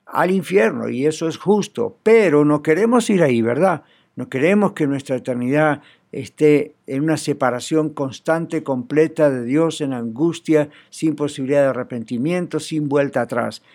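Earnest preaching man, slightly high voice. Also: darkish tone. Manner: earnest, pleading evangelistic preaching. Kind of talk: sermon.

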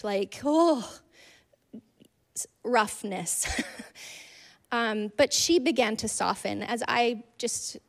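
A woman telling a personal faith story to a congregation, earnest and conversational, with frequent "like"s and soft laughs. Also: fairly high pitch. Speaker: speaker sharing a testimony. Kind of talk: personal testimony in a church talk.

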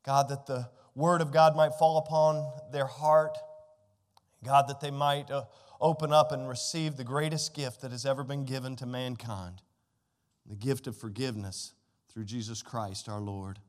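This middle-aged American pastor speaks at medium pitch with a steady tone and moderate pace. His sermon is conversational yet emphatic, full of rhetorical questions to the congregation, and it rings through an echoey hall with long reverb.

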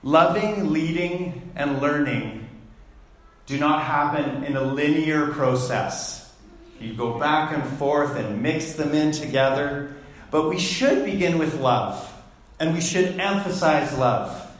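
A man preaching a sermon in a slow, deliberate way, pausing between words. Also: on the high side. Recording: very echoey room.

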